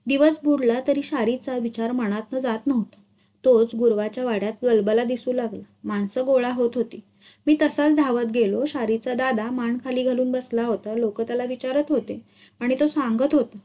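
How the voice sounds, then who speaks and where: Mellow-voiced woman reading a village tale. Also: fairly high pitch, fairly even intonation, moderate pace. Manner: reads a rural village tale, voicing dialogue in village dialect. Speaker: narrator. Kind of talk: storytelling reading.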